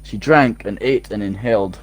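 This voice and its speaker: A man's voice: fairly low pitch, normal speed, soft background music, low-quality recording. A man casually reading game text aloud over voice chat, joking and swearing between lines. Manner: joking, reads aloud with laughs and profanity. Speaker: gamer reading the game's ending aloud.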